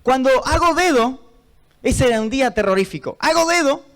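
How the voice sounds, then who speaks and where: A man with an Argentine Spanish accent, preaching a sermon in church as pastor, telling stories with fervent passion and rising to shouts. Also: extremely high pitch, lively intonation, normal speed, rough recording.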